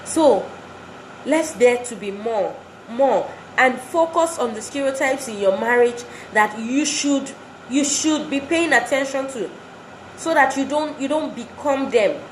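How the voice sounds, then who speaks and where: Woman giving a pep talk to wives, high voice, earnest, roomy echo w faint hiss. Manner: earnest, exhorting, repeats phrases for emphasis. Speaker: speaker addressing wives. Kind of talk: motivational talk.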